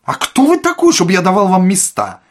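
A man doing a shrill harried theatre administrator. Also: very animated, moderate pace, husky. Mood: snappish. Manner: shrill, loud, snappish. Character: harried, sweaty theatre administrator, middle-aged man, irritable. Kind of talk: audiobook character voice.

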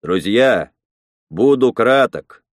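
Man doing a grave leader, slow, deliberate, lively intonation, dry sound. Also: medium pitch, no room sound. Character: male rebel leader Roman, grave measured orator.

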